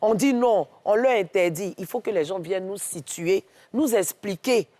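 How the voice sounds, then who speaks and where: Lively Ivorian woman telling a story. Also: medium pitch, normal speed. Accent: Ivorian French. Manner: lively, tells stories in the first person and acts out what each person said. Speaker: talk show guest. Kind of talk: animated storytelling on a TV talk show. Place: TV studio.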